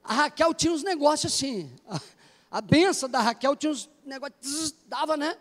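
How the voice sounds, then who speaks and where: A Brazilian man, a pastor, preaching a sermon in a church in an animated way full of jokes. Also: extremely high pitch, brisk. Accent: Brazilian Portuguese. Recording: long church hall reverb.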